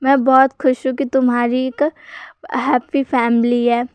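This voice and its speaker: A woman's voice: high-pitched, flat delivery, measured pace, darkish tone, clean tone, no room sound. A woman voicing a doting grandmother who gushes over her grandchild in a read-aloud story. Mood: proud.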